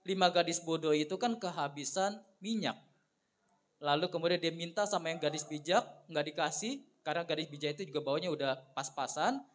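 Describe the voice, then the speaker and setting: Male pastor preaching, high voice, animated, keeps asking the congregation stuff. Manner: animated, constantly addresses the congregation. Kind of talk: sermon.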